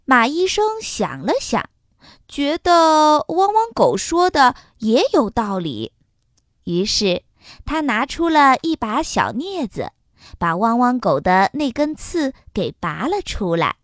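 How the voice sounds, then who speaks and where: Storyteller: woman, high and lively, slow sing-song delivery for children, dry studio sound. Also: no echo.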